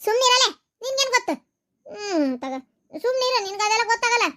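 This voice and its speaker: A woman's voice: very high voice, expressive, fairly quick, a bit bright. A woman voicing a short-tempered village mother-in-law in a cartoon, scolding and cursing in a North Karnataka accent. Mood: ranting. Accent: North Karnataka Kannada. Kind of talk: cartoon voice acting.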